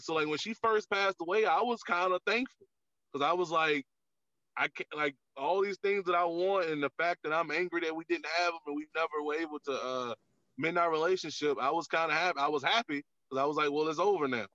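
A man's voice: fairly high pitch, brisk, sharp tone, no echo. A man, a comedian guest on a podcast, talking candidly in casual chat with lots of filler words. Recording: dull, lo-fi, dry sound.

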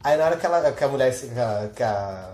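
A man's voice: mid-range voice, lively intonation, brisk, darkish tone, reverberant. A young Brazilian man, a podcast host, casually telling a story in slangy talk full of reported dialogue.

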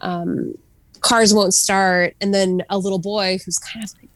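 A woman's voice: medium pitch, little pitch movement, a little slow, dry recording. A woman co-hosting a podcast in casual chat, talking loosely with lots of fillers and frequent laughs. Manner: chatty, laughs often, many fillers. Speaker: podcast co-host.

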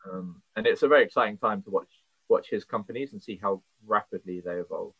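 A man talking as a podcast guest, earnest and passionate, reaching for his words as he goes. His voice sits low and comes through a tinny, phone-like line. The sound is dry, with no room around it. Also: quick pace, gravelly, husky, dry recording. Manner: passionate, earnest, thinks aloud with fillers. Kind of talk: earnest conversational interview.

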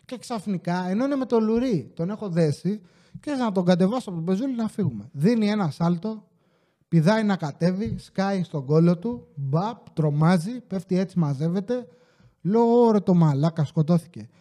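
A man with a fairly high voice and a soft, mellow tone tells casual comic stories as a podcast host. He rambles freely, swears often and breaks into joking rants. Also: expressive.

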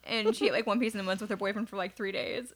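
A woman's voice: mid-range voice, fairly even intonation, fast. A young woman hosting a podcast, chatting casually and candidly while tipsy, with bubbly bursts of laughter. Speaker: podcast host. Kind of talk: casual chat.

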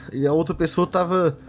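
In a tabletop game, a man plays a nervous office worker being questioned as a witness, hesitating, stammering and repeating himself. His fairly high voice, lightly acted, sounds shaken and confused.

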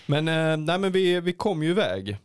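A man co-hosting a podcast in casual chat, speaking in a measured, hesitant way. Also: a little high, very animated, smooth, no room sound, studio quality. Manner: hesitant, many fillers and restarts, measured. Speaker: podcast co-host.

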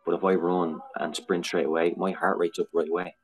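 A man's voice: low-pitched, level tone, brisk, poor audio. A man in his thirties telling his recovery story in a candid, frank conversation, swearing freely. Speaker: guest sharing recovery story.

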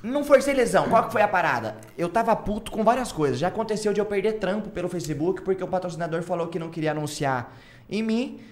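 A man's voice: high-pitched, animated, fast, slight background noise. A man with a Brazilian Portuguese accent chatting casually and slangily as a podcast host, with some swearing. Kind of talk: casual chat.

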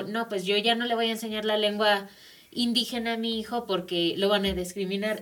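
A Mexican woman with a Mexican Spanish accent and a medium-pitched, fairly bright voice appears as a guest on an academic radio talk show, explaining language issues from the studio. She often checks in with tag questions.

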